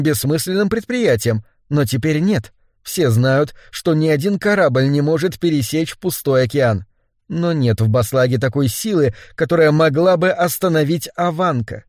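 Man reading fiction aloud, slightly high voice. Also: darkish tone, no room sound, studio quality. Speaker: audiobook narrator. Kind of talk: scripted narration.

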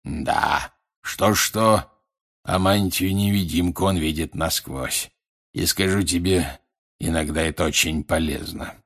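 A man reading an audiobook and voicing a gruff, wary old male auror with a hoarse, rasping voice. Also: low-pitched, unhurried, fairly bright tone, voice pushed down, heavily acted.

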